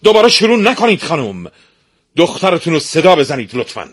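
A man's voice: fairly high pitch, very animated, husky, no room sound, clean studio sound, voice pushed up. A man voicing an impatient young prince in a spoken storybook tale, cutting others off and raising his voice. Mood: impatient, shouting. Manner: impatient, loud outbursts.

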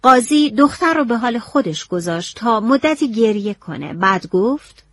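Expressive woman narrating a story. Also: on the high side, dry recording. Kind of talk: scripted narration of a novel.

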